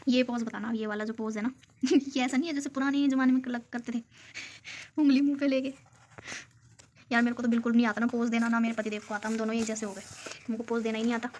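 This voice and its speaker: Young female home vlogger from Uttarakhand, chatty and giggly, talks to viewers on a phone; highish, even-toned voice. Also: fast, a little hiss or hum. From Uttarakhand, India. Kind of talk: casual chat showing a photo album. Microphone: phone camera.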